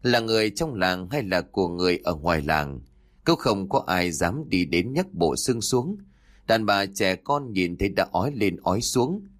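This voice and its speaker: A man narrating a horror story for an audiobook with steady, expressive storytelling. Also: sits low, moderate pace.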